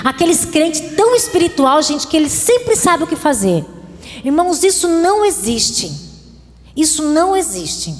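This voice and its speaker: Speaking at a normal pace, this Brazilian Portuguese-accented woman preaches in church, her high voice swinging widely in pitch. She punctuates the sermon with emphatic bursts and playful asides, and the hall adds a long reverb.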